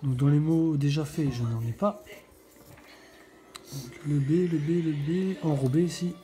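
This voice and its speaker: Low mellow-voiced woman vlogger. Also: measured pace. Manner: chatty, thinks aloud, checks letters one by one. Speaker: scratch-card video host. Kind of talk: casual running commentary while scratching.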